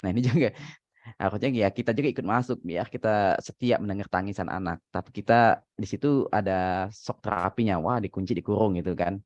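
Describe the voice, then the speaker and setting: Dad chatting about parenting, laughs a lot, lowish voice, dull dry recording. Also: male voice, a little fast, a little mellow, dry recording. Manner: chatty, laughs often, frequent fillers. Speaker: parenting speaker, father. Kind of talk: casual advice talk.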